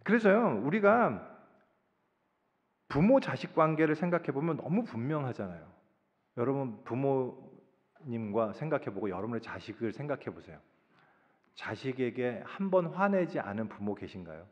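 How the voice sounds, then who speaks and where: A man's voice: medium pitch, sing-song, moderate pace. A man preaching a sermon who puts rhetorical questions straight to the congregation and presses his points hard. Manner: emphatic, rhetorical questions, talks directly to the congregation. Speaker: pastor. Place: church sanctuary. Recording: echoey church hall, slightly dull sound.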